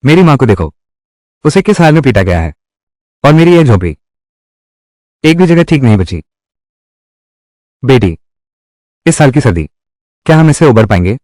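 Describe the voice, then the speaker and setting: A man's voice: medium pitch, big pitch swings, moderate pace, pauses often, darkish tone, no echo, studio quality. A man reading all the character lines of a dubbed drama in one voice. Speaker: voice-over reader of a dubbed drama.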